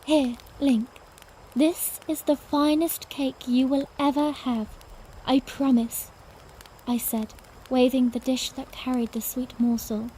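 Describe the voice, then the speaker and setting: A woman playing a young princess in a fanmade audiodrama, narrating in the first person in a soft, earnest, unhurried storybook way. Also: sits high, steady tone, a little hiss or hum, low-quality recording. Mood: playful.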